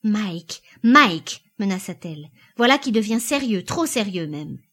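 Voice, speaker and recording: A woman's voice: medium pitch, big pitch swings, normal speed. A woman reading aloud, voicing an anxious young wife who pleads in a strained, urgent way. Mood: cold. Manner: pleading, then coldly firm.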